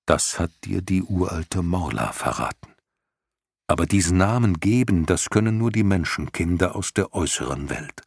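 Fuchur, a man voicing a deep husky luck dragon. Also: expressive, moderate pace, dry recording, clean studio sound, full character voice. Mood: calm. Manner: patient, reasoning, gently persuasive. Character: wise calm old male luck dragon. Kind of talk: audiobook reading.

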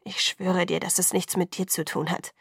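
A tormented teenage boy's voice, as a woman reader puts it on, hushed and hoarse, set low and grainy with a gravelly edge. He speaks coldly and haltingly in an audiobook, barely above a whisper, with a breathy, husky texture. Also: little pitch movement, dry recording, clean studio sound, full character voice. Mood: anguished whisper. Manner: low, cold, halting delivery. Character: troubled teenage boy, tense and withdrawn. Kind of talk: audiobook reading.

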